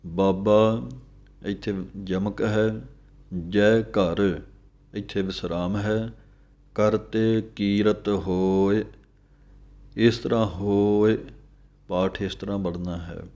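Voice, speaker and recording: A man giving a slow pronunciation lesson on a religious text, drawing out each recited phrase and then explaining it. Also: lowish voice, steady tone, darkish tone. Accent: Punjabi. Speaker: religious teacher.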